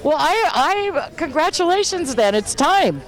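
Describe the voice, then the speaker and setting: High, lively woman interviewer. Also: measured pace. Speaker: red carpet interviewer. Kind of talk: red carpet interview. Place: outdoor red carpet at a hotel event. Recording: busy crowd chatter outdoors.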